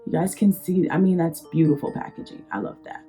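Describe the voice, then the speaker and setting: A woman's voice: fairly low pitch, expressive, a little fast, warm tone, slightly rough. A young woman chatting casually to viewers while doing her makeup, calling them girl and child. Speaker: beauty vlogger. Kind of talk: casual makeup tutorial chat. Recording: faint music under voice. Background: faint background music.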